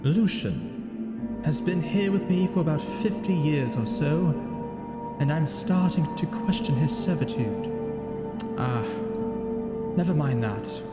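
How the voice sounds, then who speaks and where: Over gameplay, a man voices a lonely, brooding thousand-year-old vampire, narrating his scripted tale in solemn, formal, theatrical phrasing. His fairly high voice has lively intonation, slow delivery and frequent pauses, set in echoing hall-like reverb with music behind.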